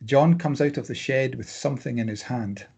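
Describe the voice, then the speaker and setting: A man reads screenplay stage directions as scripted narration, keeping it plain and measured and clipping the scene headings. His mid-range voice is creaky, a little mellow, and slightly rough.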